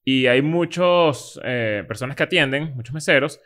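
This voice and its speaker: A man's voice: mid-range voice, moderate pace, fairly bright tone. A man co-hosting a podcast, talking casually and rambling as he searches for words. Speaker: podcast co-host. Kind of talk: casual chat.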